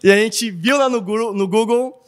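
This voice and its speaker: In a church hall, a young Brazilian man with a Brazilian Portuguese accent preaches a sermon in a high-pitched voice at normal speed. He tells stories in an animated way and often checks in with "não?". The background is noisy.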